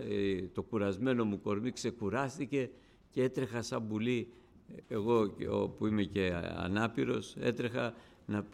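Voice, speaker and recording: Male preacher, gravelly voice, fervent sermon, swings from hushed to loud calls. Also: lowish voice. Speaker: radio broadcaster.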